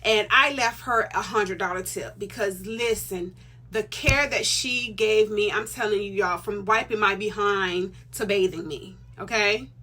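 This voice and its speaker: Woman, middle-aged, casual vlog, bright voice, emphatic, chatty, repeats for stress. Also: mid-range voice, unhurried. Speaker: vlogger. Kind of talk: casual vlog talk to viewers.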